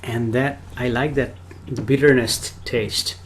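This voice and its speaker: A man talks loosely and wanders from point to point, the way a spiritual teacher chats on a live stream. His voice sits at an ordinary middle pitch, and a faint ambient hum hangs under his words. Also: steady tone, a little slow, creaky. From Nepal. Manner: rambling, talks of himself in the third person. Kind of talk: casual livestream talk.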